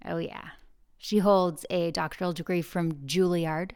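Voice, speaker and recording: A woman hosting a podcast in casual, chatty talk, recorded alone in a huge, high-ceilinged room with lots of echo on a portable travel mic. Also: little pitch movement, measured pace, a little mellow, clean tone. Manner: chatty and bubbly, jokey asides. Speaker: podcast host. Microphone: portable travel microphone.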